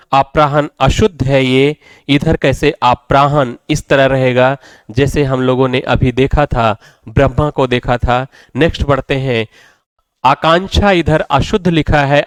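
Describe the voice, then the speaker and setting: A man's voice: mid-range voice, smooth, dry recording. A man teaching a spelling lesson, repeating each word and asking rhetorical questions before giving the answer. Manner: repetitive, drills words and asks rhetorical questions. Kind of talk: classroom lecture.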